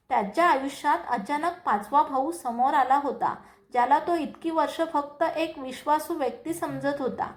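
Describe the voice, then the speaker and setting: A woman narrating a scripted romantic story in a steady, deliberate reading. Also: high voice.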